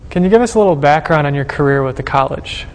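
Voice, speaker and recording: A man's voice: fairly high pitch, expressive, fast talker, long reverb tail. A man in his thirties hosting an interview, asking prepared questions politely. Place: studio room before plain wall.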